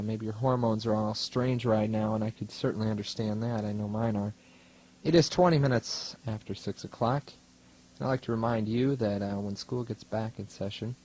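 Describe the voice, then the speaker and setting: The recording is rough, and the young man's voice is fairly low and a little mellow. As a college radio student DJ in the studio, he talks loosely between tracks, wry, meandering and poking fun at himself.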